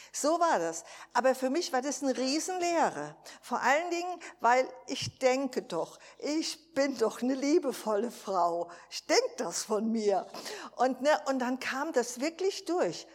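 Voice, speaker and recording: High-voiced woman preaching slowly in a hall. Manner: emphatic, often asks "ne?" for assent. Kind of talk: sermon.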